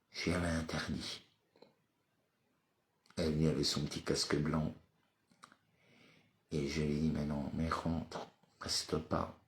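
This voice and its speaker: A man's voice: sits low, a little mellow, echoey room. A man doing a live social media monologue who chants a repeated apology mantra, turns blunt and confrontational toward viewers, and hesitates with many fillers. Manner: hesitant with frequent "euh" fillers. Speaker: live streamer.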